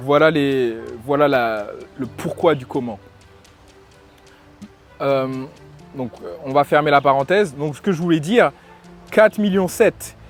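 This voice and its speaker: A man from France, a lifestyle and dating coach, giving casual opinions in a vlog, halting, with lots of fillers and restarts. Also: sits high.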